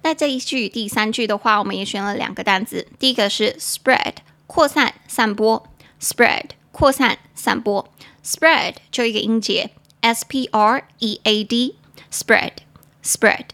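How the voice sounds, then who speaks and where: Young female podcast host, middle pitch, chatty teacher who spells words slowly. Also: fairly bright tone. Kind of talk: casual podcast English lesson.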